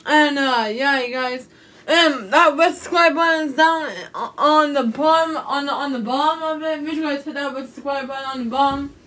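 Speaking to a propped-up phone in a small room, a young woman rambles through a casual vlog, repeating herself and filling gaps with lots of fillers. She has a sore throat, but her voice sits high with a fairly bright tone at normal speed.

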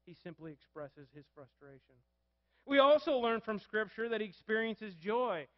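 A man's voice: high-pitched, big pitch swings, normal speed, no room sound, highs cut off. A man preaching a sermon as a pastor, asking the congregation questions and reading scripture aloud.

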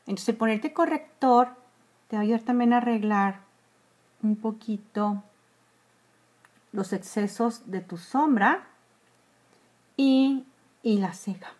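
Talking straight to camera from a small room, this makeup vlogger, a woman in her forties with a Mexican accent, runs a live tutorial picked up by a nearby phone or webcam. Her darkish, slightly high voice moves slowly with frequent pauses. She chats away, addresses viewers as "girls," and lets her words fade to whispers while doing her makeup.

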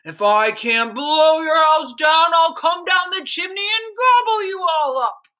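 Storybook big bad wolf, played by a woman: menacing, gleeful, growly singsong, animated and forceful. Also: extremely high pitch, voice pushed up, full character voice. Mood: gloating threat. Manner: growling, drawn-out singsong threats. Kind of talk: children's fairy-tale storybook voice.

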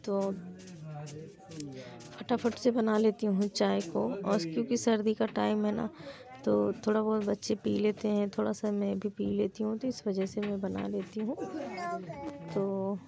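A woman's voice: medium pitch, little pitch movement, measured pace, vocal fry, a crowd in the background. A young mother chatting plainly through her cooking vlog at home, often starting lines with "to" as a filler. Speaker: mother vlogging her household day. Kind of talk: casual cooking vlog narration. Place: small home kitchen.

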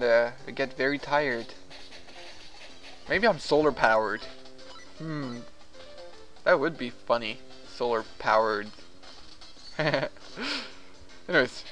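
A man with a medium-pitched, fairly bright voice talks over a game on a rough recording. A gaming vlogger and native French speaker, he keeps the commentary casual, wandering and hesitant, with many fillers.

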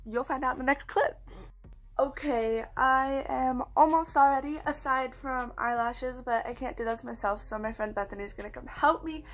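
A woman's voice: sits high, moderate pace, a bit bright, soft background music. A young woman in casual vlog chat, rambling and self-mocking as she talks to a phone held at arm's length in her bedroom. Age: young adult. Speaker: vlogger. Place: small bedroom at home, indoors.

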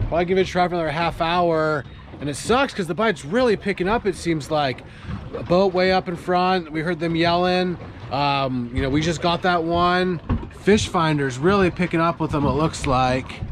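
With a somewhat high voice and a moderate pace, a man in his thirties vlogs from a small fishing boat on open water. He holds the action camera at arm's length and walks through what he's doing in a relaxed, talkative way, over background noise from the boat and water.

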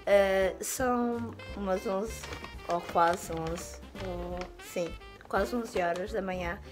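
A young woman talks casually into a camera held at arm's length. Her voice is hoarse from being sick and sits at an average pitch for a woman. She speaks informally, slipping in English words, with clear music behind her. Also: slow pace. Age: 20s. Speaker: vlogger. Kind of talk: casual vlog chat. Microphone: phone or camera at arm's length.

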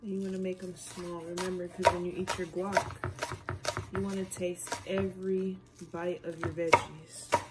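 Give me a relaxed woman with a slightly low voice, talking through a recipe in her kitchen, the camera on the counter. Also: normal speed. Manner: relaxed, chatty, talks to viewers while chopping. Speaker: cooking vlogger. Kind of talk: casual cooking demo. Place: home kitchen. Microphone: camera on counter facing her torso. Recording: knife chopping noise on board.

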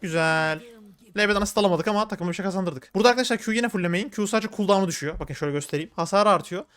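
A man giving live commentary on his own gameplay, talking to viewers in an excitable, slangy way. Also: sits high, very fast. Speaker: gaming streamer.

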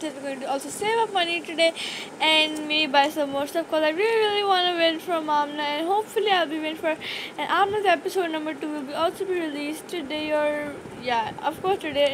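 Noisy screen-recorded mic audio captures a high-voiced young woman with a sore throat giving casual gameplay commentary for her gaming channel. She rambles, leaning on lots of fillers and frequently restarting her sentences.

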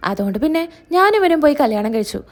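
A woman's voice: sits high, big pitch swings, fast. A woman voicing a young bride who defends herself as she explains. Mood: defensive.

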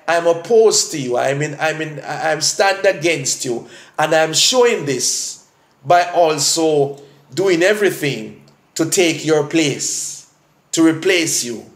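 A man teaching a church Bible study as pastor, deliberate and repeating key phrases for emphasis. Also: on the high side, echoey room.

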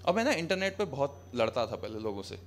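A young man's mid-range voice swings widely in pitch as he talks fast during a live stand-up set on a small cafe stage. Using a handheld mic, he speaks to the audience conversationally and sarcastically, switching between Hindi and English.

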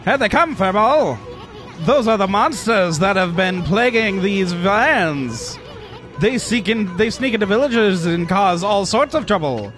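A man voicing a brash, self-important male swordsman, declaiming slowly and grandly. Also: sits high, animated, fairly bright tone, soft background music, voice pushed up. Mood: bold.

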